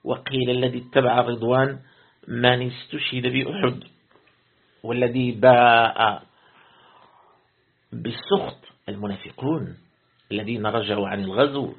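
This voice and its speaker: A man, a sheikh, reading a religious commentary aloud as a lesson. He reads steadily, repeats words to correct himself and slows into chant for quoted verses. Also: mid-range voice, fairly even intonation, breathy edge. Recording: tinny lo-fi phone-like recording.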